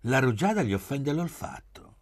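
A man voicing a lively, teasing young woman who plays hostess, with a mocking, playful tone. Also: mid-range voice, moderate pace, voice pushed up.

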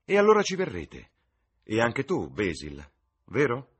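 A man voicing a languid, witty aristocratic gentleman who speaks in ironic, theatrical epigrams. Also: on the low side, sing-song, fairly quick, breathy edge, voice pushed up, full character voice. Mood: teasing.

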